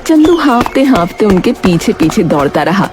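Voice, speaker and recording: A woman telling a cartoon story in dramatic, expressive scripted narration. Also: medium pitch, normal speed. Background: background music.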